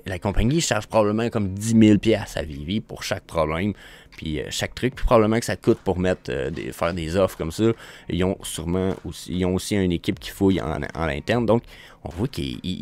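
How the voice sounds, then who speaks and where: A man's voice: fairly low pitch, darkish tone. Rambling Québécois man hosting a show. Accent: Québécois French. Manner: rambling, stumbles and restarts often. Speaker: show host. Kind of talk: casual screen-share commentary.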